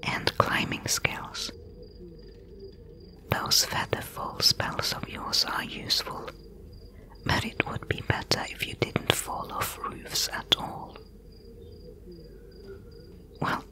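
A woman voicing a wry, bossy thief mentor in a breathy, hushed whispered role-play, giving instructions. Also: slow, pauses often. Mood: teasing, instructing.

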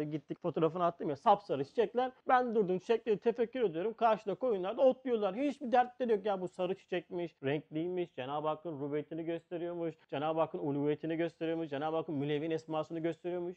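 A man delivering a religious lesson in a lively, up-and-down voice, firing off rhetorical questions and dropping to near-whispers for emphasis. The recording is dull and lo-fi. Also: high voice. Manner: animated, rhetorical questions, swings between loud and hushed. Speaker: religious teacher. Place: on a pulpit or lecture seat.

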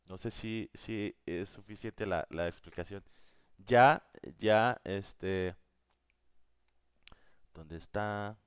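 A man's voice: fairly low pitch, very slow, pauses often, clear, resonant tone, dry recording, clean studio sound. A Korean man, a native Korean speaker, teaching a live online language class, explaining patiently and repeating each word several times.

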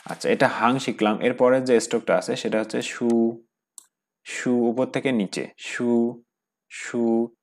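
Fast-talking young male language teacher. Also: medium pitch. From Bangladesh. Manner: plain step-by-step explaining, often asks then answers. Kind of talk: explaining a textbook lesson.

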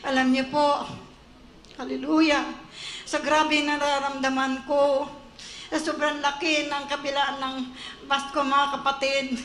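A woman's voice: high-pitched, level tone, measured pace, pauses often, fairly bright tone, reverberant. A woman giving a fervent church testimony, often breaking off to say hallelujah and praise God. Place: church service.

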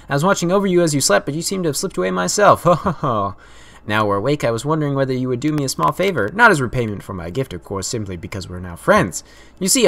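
A man's voice: mid-range voice, pushed and bright. A man voicing an old male snail shaman in a video game, sly and kindly, chuckling as he speaks.

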